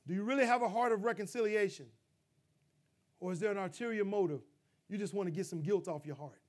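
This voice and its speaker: A middle-aged man delivers a sermon in a notably high voice. He builds to loud, emphatic peaks, then falls back into low, quiet asides to the congregation. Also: quick pace. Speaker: pastor.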